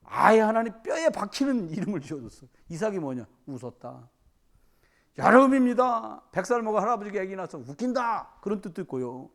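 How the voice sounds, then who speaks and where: A male pastor preaching a sermon, telling Bible stories with animated acted-out dialogue. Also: sits high, a little fast. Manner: animated storytelling, acting out Bible characters in dialogue.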